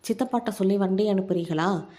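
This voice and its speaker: A woman's voice: mid-range voice, brisk, mellow, lightly acted. A woman voicing a young college student who speaks politely and earnestly.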